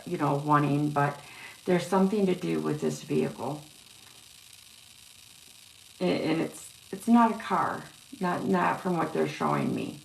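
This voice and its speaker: A woman giving a casual psychic reading on a live stream, talking haltingly with many fillers and restarts. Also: sits low, gravelly. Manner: halting, filler-heavy, yawning. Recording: echoey room with faint noise.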